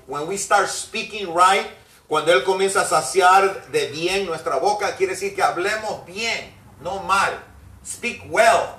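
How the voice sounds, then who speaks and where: Man pastor, bilingual sermon, emphatic and repetitive, sharp high voice, distant mic in a roomy hall. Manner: emphatic, repeats each phrase in Spanish and English. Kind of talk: bilingual sermon, translating himself line by line. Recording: echoey hall, mic far off.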